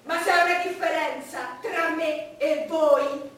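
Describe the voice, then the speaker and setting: An actress playing an imperious, bitter, mocking English queen in a theatrical monologue, declaiming with drawn-out scorn. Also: high voice, fairly even intonation. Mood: taunting, haughty. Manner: declamatory, drawn-out, scornful, swinging from brooding to cackling. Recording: echoey, distant stage recording with music.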